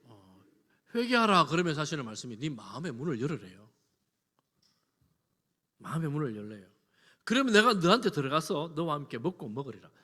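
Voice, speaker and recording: A man, a pastor, preaching a sermon. He moves from loud emphasis to soft, conversational asides with homely examples. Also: fairly high pitch, sing-song, a little fast, long pauses. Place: church sanctuary. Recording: long reverb of a church hall.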